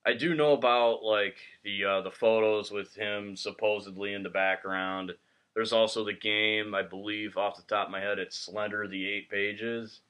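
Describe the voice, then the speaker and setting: A man's voice: on the low side, fairly even intonation, normal speed, fairly bright tone, clean tone. A man hosting a movie review channel, chatting casually and laughing easily, recorded on a laptop microphone.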